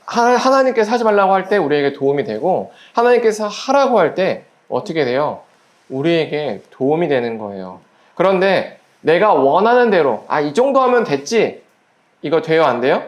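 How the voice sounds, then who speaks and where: A pastor giving a children's sermon at a church service, gently asking the children quiz questions and acting out little voices in the story. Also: mid-range voice, big pitch swings, moderate pace. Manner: acts out little quoted voices while storytelling.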